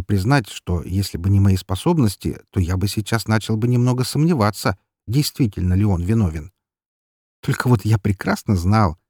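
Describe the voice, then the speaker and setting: A man narrating an audiobook in the first person, with even, wry storytelling. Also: on the low side, no echo, clean studio sound.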